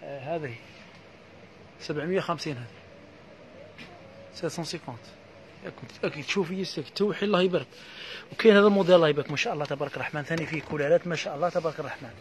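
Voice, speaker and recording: A man with an Algerian accent giving a live sales pitch for housewares, reeling off prices in a quick patter full of repeated blessings. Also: a little hiss or hum. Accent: Algerian Arabic. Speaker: housewares shop seller.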